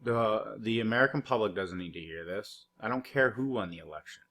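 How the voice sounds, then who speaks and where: A man's voice: on the low side, brisk, fairly bright tone. A man doing a mocking, rambling reaction commentary over news clips, cursing and heavy on fillers. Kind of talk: profane sarcastic reaction commentary.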